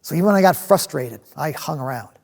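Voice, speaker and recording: An actor playing a passionate, restless disciple in a dramatic monologue, telling his story with halting, emphatic delivery and repeated words. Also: on the high side, lively intonation, creaky. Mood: wondering. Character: passionate male zealot disciple, restless man of action, recalling Jesus.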